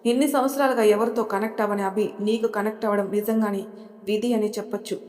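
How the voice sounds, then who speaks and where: A woman voicing a caring young man who gently reassures a worried friend, in an audio story with a long reverb. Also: high-pitched, steady tone, fast, natural voice.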